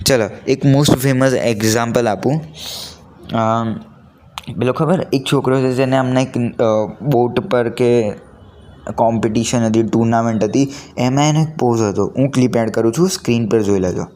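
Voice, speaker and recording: At a normal speed and in a mid-range, slightly mellow voice, a teenage boy with a Gujarati accent gives an earnest pep talk to camera. The vlog is unscripted and casual, with colloquial speech and English words mixed in.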